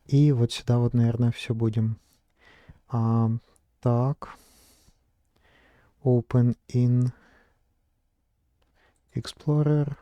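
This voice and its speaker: Slow, hesitant man thinking aloud. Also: mid-range voice, level tone, warm tone, no echo. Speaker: vlogger. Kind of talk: casual screen-recording narration.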